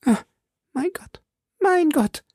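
A shrill, high-pitched condemned noblewoman, as a male reader puts her on, desperate and vengeful. Her voice leaps up into a piercing register, swinging between threats and frantic pleading. A storybook read-aloud with a close, dry sound. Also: lively intonation, takes it slowly, a little mellow, no room sound, exaggerated voice.

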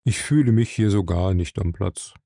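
A man's voice: sits low, normal speed, gravelly, dry recording, clean studio sound. A man doing a timid, worried clerk. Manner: hushed, anxious, confiding. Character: nervous middle-aged male clerk, timid and worried.

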